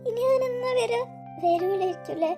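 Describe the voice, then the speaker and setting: A very high, girlish voice of a young woman in a cartoon drama, acted by a woman, sobbing and pleading in a breaking voice over a bed of music. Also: normal speed. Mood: grieving. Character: grief-stricken young woman, his sister.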